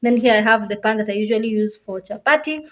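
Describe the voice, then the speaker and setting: A woman's voice: medium pitch, quick pace, fairly bright tone. A woman vlogger with a Kenyan accent, casually explaining things step by step and repeating her phrases as she goes. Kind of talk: casual home tour explanation.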